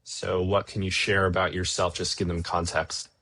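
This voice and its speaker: Deep-voiced male podcast host. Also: level tone, normal speed, bright, forceful tone, no echo. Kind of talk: podcast interviewing.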